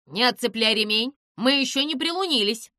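A woman's voice: a little high, expressive, normal speed, pushed and bright, no echo, studio quality, voice pushed up. Woman voicing a pompous self-assured cat. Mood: urging. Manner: grandiose, declaiming. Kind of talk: audiobook character voice.

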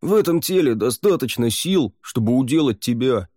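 A man voicing a burly, gruff warrior who boasts and grumbles. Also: mid-range voice, animated, normal speed, darkish tone, voice pushed up, natural voice. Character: burly bass-voiced male warrior.

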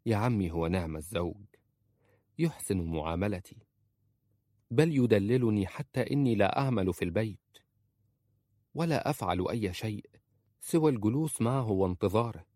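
An earnest young wife pleads in a low, dry voice, as a male narrator reads her part. She talks close to the mic in a storybook reading. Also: expressive, moderate pace, long pauses, dark tone, no room sound. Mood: pleading.

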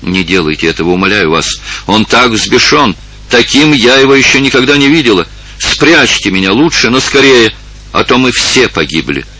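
A man's voice: deep voice, lively intonation, a little fast, hardly any pauses, pushed and bright, heavily acted, low-quality recording. A man voicing a frightened fifteen-year-old peasant girl who pleads urgently in an audiobook. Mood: desperate pleading.

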